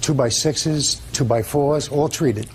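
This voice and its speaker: A man in his fifties testifies in a TV courtroom in a plain, folksy, defensive way. His voice is gravelly and creaky. Noticeable noise sits behind him. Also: medium pitch, slow. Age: 50s. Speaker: litigant in a TV court. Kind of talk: answering questions in court.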